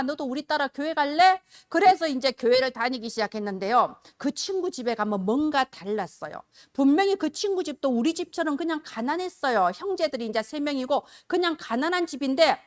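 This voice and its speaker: A woman's voice: high-pitched, no echo, clean studio sound. A woman preacher giving a Sunday sermon in a conversational, storytelling manner. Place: church service. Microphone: filmed on camera.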